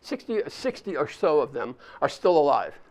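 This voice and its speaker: An older man speaking at an alumni volunteer summit gives a chatty leadership talk to a live audience in a university event space, guiding them through a hands-on exercise. His voice is fairly high-pitched and darkish in tone, very animated, at a moderate pace.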